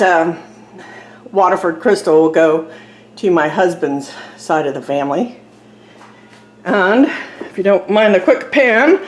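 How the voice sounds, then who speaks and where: A middle-aged woman chatting casually in a rambling way as she declutters her home kitchen, filmed on a tripod camera. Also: medium pitch. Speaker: vlogger. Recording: echoey room with faint noise.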